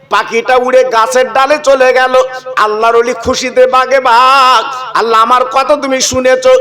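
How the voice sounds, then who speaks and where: A man's voice: very high voice, sharp tone. A man preaching a sermon, telling a story with acted dialogue and asides to the crowd.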